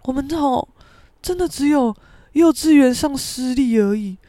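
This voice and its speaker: A woman voicing her middle-aged father, crying as he speaks slowly and sentimentally with pride. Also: sits high, expressive, no echo, voice pushed up. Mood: tearful pride. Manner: choked, slow, sentimental boasting.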